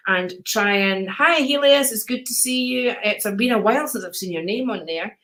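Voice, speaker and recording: This older woman with a Scottish accent runs a live stream of card readings, talking comfortably with her audience and sprinkling in words like sweetheart and darling. She sounds calm and soothing, her voice a touch high and her speed normal.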